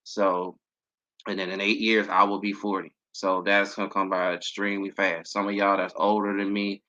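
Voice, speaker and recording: Casting: deep-voiced man in his thirties, bright forceful delivery, rambling livestream host with lo-fi sound. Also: level tone, normal speed. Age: 30s. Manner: rambling, many fillers and restarts. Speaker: aviation channel host. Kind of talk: casual livestream talk. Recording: dull lo-fi stream audio.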